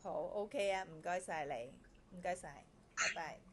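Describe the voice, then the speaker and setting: A woman interviewing a job candidate in a brisk conversational way, repeating and rephrasing her questions. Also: on the low side, a crowd in the background. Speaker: interviewer screening a domestic helper.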